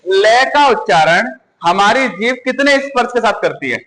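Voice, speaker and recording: High-voiced male teacher in echoey room. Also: animated, normal speed, fairly bright tone. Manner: repetitive, drills sounds aloud, asks questions of students. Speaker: Hindi grammar teacher. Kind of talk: exam-prep classroom lesson.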